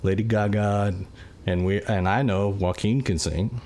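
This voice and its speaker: A relaxed man hosting a movie review show, his voice sitting on the low side. He rambles along in easygoing chat and fills the gaps with "uh" and "you know". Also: measured pace. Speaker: podcast host.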